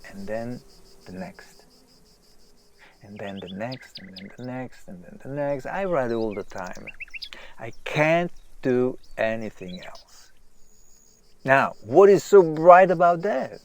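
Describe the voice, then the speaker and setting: An actor voices a famous writer in a naturalistic audio drama: agitated, self-mocking, fixated on his work, halting and repeating himself. The delivery is animated at medium pitch, with a little hiss or hum.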